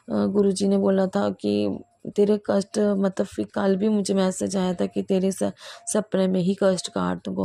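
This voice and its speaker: A woman hosting a devotional channel, telling of her spiritual experiences in a soft, hesitant way with many pauses and fillers. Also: mid-range voice, creaky, no echo. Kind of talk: personal spiritual testimony.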